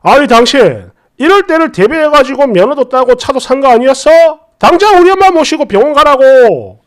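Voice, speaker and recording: A woman's voice: high voice, very animated, moderate pace. A woman voicing a lazy, demanding middle-aged father who whines. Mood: whining. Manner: whiny, demanding.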